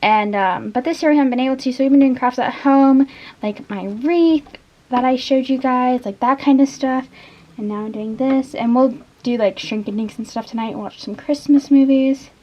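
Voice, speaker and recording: A young craft vlogger with a high-pitched voice and a stuffy nose from allergies chats casually at a normal speed, wandering off-topic as she demonstrates a craft step by step. The recording is muffled.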